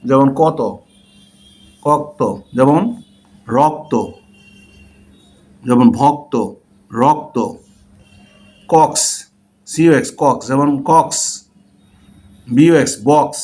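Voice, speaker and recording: A man with a somewhat high voice teaches a language class. He spells out letters and words slowly and deliberately, like a patient classroom drill. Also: steady tone, darkish tone. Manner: slow, deliberate letter-by-letter dictation. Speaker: English teacher. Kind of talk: spoken language lesson.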